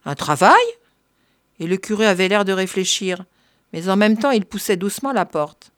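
A woman narrating a story in a measured, even reading voice. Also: medium pitch, no echo, studio quality. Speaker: reader.

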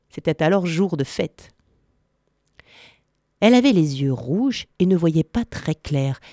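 A woman reading a fairy tale aloud in a slow, expressive storytelling manner. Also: lowish voice, dry recording, studio quality.

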